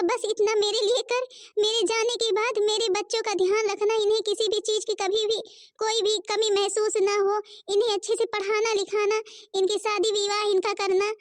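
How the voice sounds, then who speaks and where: A woman voicing a dying elderly mother-in-law in a cartoon, speaking softly and pleading with her family. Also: very high voice, level tone, moderate pace, no echo. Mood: sad, pleading. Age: older. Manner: soft, pleading farewell speech. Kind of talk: Hindi cartoon voice acting.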